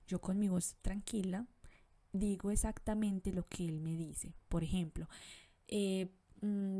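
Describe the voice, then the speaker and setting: A woman speaks in a calm, reflective way as she gives parenting advice on her podcast. Her voice is mellow and slightly low, and she pauses often with soft fillers as she explains. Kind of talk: conversational advice monologue.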